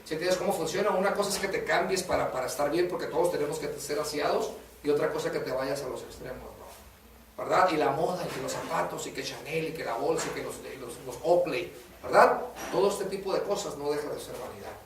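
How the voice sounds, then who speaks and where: A man's voice: fairly high pitch, fairly quick, noisy background. A man preaching a sermon in a casual way, often calling the listener "brother" and asking "right?". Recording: echoey room, voice from a distance.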